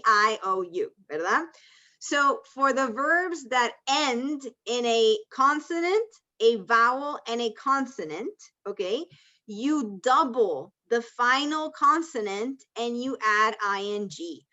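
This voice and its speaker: A woman's voice: on the high side, a bit bright. A woman teaching an online language class, explaining rules patiently step by step. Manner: patient, explains step by step, mixes Spanish and English. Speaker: ESL teacher. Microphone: video call. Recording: dull lo-fi video call audio.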